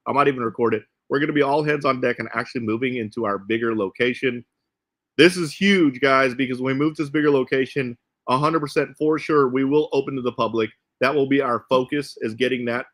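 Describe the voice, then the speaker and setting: Streaming casually from a messy warehouse, this RC car channel host chats with his audience in a wandering way, often saying things twice. His voice is medium-pitched with a fairly bright tone.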